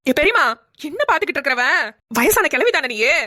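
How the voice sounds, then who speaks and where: A woman voicing a scolding, sharp-tongued village neighbor in a cartoon. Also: sits high, big pitch swings, fast, exaggerated voice. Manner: scolding, rustic. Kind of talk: cartoon voice acting.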